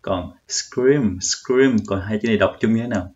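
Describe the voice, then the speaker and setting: Chatty and casual, this young vlogger from Vietnam walks through pronunciation, repeating words to test himself. He speaks at normal speed in a fairly low, slightly mellow voice, recorded in dull lo-fi audio.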